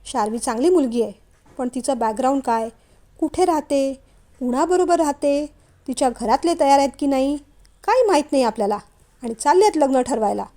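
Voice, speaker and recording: A woman's voice: high-pitched, lively intonation, a little fast, warm tone. Woman reading as Vishwaraj, a stern father. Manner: firm, curt, dismissive. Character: stern strict middle-aged father, blunt.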